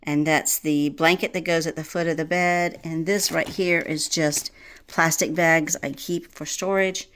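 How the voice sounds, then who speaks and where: A woman's voice: deep voice, fairly even intonation, measured pace, a bit bright, clear, resonant tone. A woman chatting casually in a home vlog, full of fillers and encouragement, a little winded. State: slightly winded. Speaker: vlogger. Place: home bedroom, indoors.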